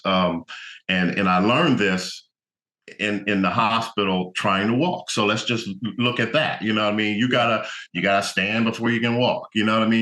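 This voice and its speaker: A man's voice: lowish voice, pushed and bright. A middle-aged man from New Jersey, a guest actor and motivational speaker, talking reflectively in a casual interview with lots of "you know".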